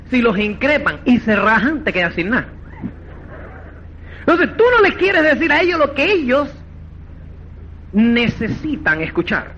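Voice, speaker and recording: A man giving a motivational network marketing seminar, animated and acting out quoted dialogue, repeatedly checking that listeners follow. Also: very high voice, husky, highs cut off. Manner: animated, acts out quoted dialogue, keeps asking "¿me entiendes?".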